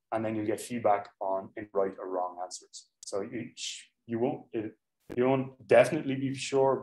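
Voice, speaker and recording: The speaker is a young man of medium pitch and darkish tone, lecturing informally at a university. He's chatty and often corrects himself, and a desk laptop mic records him in the echoey hall.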